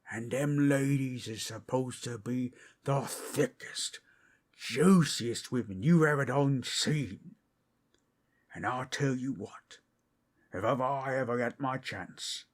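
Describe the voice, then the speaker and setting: Casting: male actor as friendly, bragging ork warrior turned masseur, raspy and unhurried, rustic rambling talk, ASMR role-play. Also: medium pitch. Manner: folksy, rambling, boastful fantasy-brute talk with rustic grammar.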